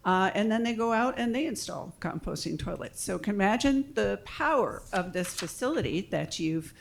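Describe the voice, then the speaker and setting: A woman's voice: mid-range voice, lively intonation, normal speed, vocal fry, slight background noise. A woman speaking off the cuff at a public meeting microphone, hesitant, with many ums and restarts.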